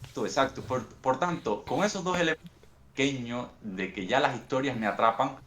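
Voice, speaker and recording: Cuban man, unhurried, roomy sound. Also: mid-range voice, a bit bright, slight background noise. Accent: Cuban Spanish. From Cuba. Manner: thoughtful, unhurried storytelling with frequent restarts. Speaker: guest author. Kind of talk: reflective interview answers.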